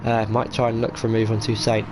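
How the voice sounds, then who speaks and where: A man's voice: on the low side, monotone, fast. Male motorsport commentator over engine noise. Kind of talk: live sim-racing commentary.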